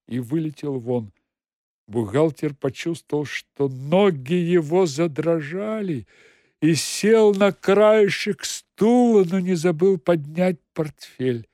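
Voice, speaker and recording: A man narrating an audiobook in a dramatic, deliberate way. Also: a little high, mellow, no room sound, clean studio sound. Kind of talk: expressive audiobook reading.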